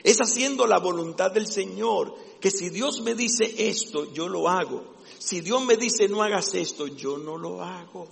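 A man's voice: high-pitched, lively intonation, measured pace, gravelly, few pauses. A man preaching a sermon with fervent, emphatic delivery. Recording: long echo of a large hall.

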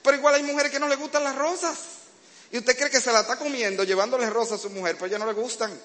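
Un predicador con acento dominicano que da un sermón sobre el matrimonio con humor e imita escenas de la vida en pareja. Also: male voice, very high-pitched, fairly even intonation, racing, a bit bright. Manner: humorous, acts out domestic scenes. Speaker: preacher. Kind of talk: sermon to couples. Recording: reverberant hall, faint background noise.

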